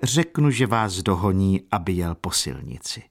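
A man's voice: low voice, very animated, gravelly, heavily acted. A man voicing a kindly, shrewd old woman servant who talks in a coaxing, sly way. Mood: scheming.

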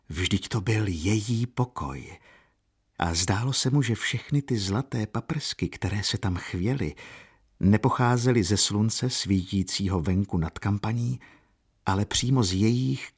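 Male narrator, low husky voice, lyrical and unhurried reading. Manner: slow, lyrical. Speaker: audiobook narrator. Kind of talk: scripted narration.

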